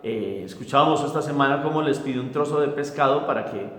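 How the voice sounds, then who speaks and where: A priest leads a gospel meditation and a prayer in a reflective, unhurried way, often circling back and repeating words. His voice sits at an ordinary male pitch. It rings out in a roomy space with a long reverberant tail. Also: fairly bright tone. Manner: reflective, with frequent restarts and repetitions.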